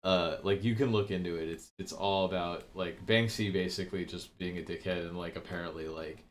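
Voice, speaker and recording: A man's voice: low voice, fairly even intonation, brisk, a little hiss or hum. A man hosting a casual livestream, rambling from topic to topic, swearing often and laughing a lot. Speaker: livestream host.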